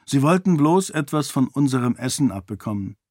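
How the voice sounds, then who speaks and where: A man's voice: medium pitch, very animated, brisk, a little mellow, dry recording, clean studio sound. A man voicing a bold, outspoken young noblewoman in an audiobook. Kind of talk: audiobook dialogue.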